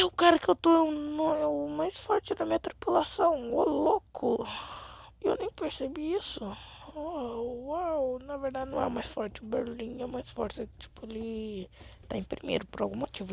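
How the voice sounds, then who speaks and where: Excitable woman narrating her gameplay. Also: fairly high pitch, creaky, slightly rough, dry recording. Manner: chatty and excitable, addresses viewers, drops into whispers. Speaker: gaming channel host. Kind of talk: casual gameplay commentary.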